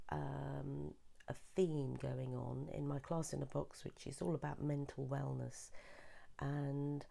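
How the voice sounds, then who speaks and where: A woman with a hoarse voice from a sore throat, chatting her way through a craft tutorial with many restarts. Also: low-pitched, mellow. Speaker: papercraft demonstrator.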